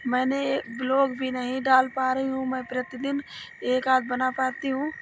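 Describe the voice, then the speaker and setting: A woman vlogging while sick, hoarse and coughing, straining and tired as she talks into a phone while out walking. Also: high-pitched, completely flat delivery, normal speed, background noise. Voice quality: coughing often. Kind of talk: casual vlog chat. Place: village road outdoors at dusk.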